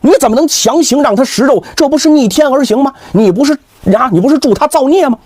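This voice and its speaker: A man's voice: very high voice, lively intonation, fast, darkish tone, no room sound, voice pushed up. A man voicing a second thug who smugly lectures about fate and sin. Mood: lecturing. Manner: smug, lecturing. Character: second thug, smug preachy male bystander.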